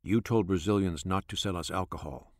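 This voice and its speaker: A man's voice: deep voice, fairly quick, no echo, clean studio sound, natural voice. A man voicing a sullen, angry village man who speaks in curt, defiant sentences in a storybook reading.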